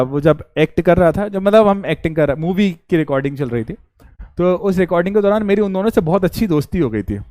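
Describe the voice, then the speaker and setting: A man with a fairly high voice teaches a live online science class. He talks in a chatty, teasing way, and keeps asking his students questions before answering them himself. The sound is dry and close to the mic, with no room echo. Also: a little mellow.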